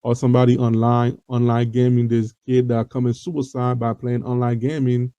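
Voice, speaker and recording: Speaking at normal speed with little pitch movement, a Haitian man with a Haitian accent hosts an online talk show, earnestly addressing viewers in an informal monologue full of fillers and repetitions. His mid-range voice is mellow and clean, recorded dull, dry, lo-fi, and without echo.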